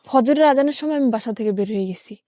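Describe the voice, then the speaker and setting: Her voice is fairly high and warm, and she talks fast in a dry, studio-quality recording. As a radio interview guest, this woman from rural Bangladesh narrates her personal story step by step in plain language and a Bangladeshi accent.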